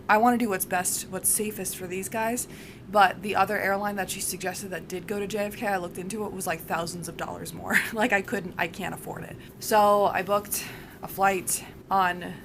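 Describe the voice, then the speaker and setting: A young adult woman vlogger with a hoarse smoker's rasp, as if her voice is giving out, chatting casually and rambling to the camera. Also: medium pitch, a bit bright, a little hiss or hum. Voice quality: raspy smoker's rasp, voice wearing out. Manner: rambling, acts out reported exchanges. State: hoarse, close to losing voice.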